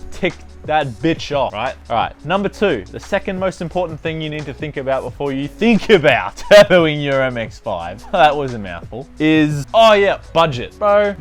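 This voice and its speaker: A man talking casually to camera as a car vlogger, with slangy, sweary and emphatic phrasing, with rain on a tin roof. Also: mid-range voice. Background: rain on tin roof, faint music.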